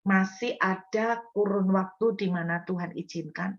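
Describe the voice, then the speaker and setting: A woman's voice: medium pitch, steady tone, measured pace, muffled recording. A woman preacher giving a sermon in a conversational, emphatic way, often speaking straight to the congregation.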